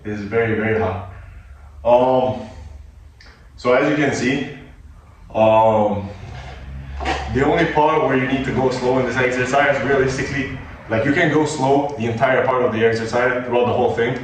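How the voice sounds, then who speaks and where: A man's voice: medium pitch, steady tone, moderate pace, pauses often, a little hiss or hum. Fitness vlogger, male, non-native speaker with American-leaning English, loose gym-buddy delivery, far from the mic in a very echoey gym with faint background ambience. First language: not English. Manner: loose, filler-heavy, talks like a gym buddy. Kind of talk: casual workout instruction. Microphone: camera on a tripod at a distance.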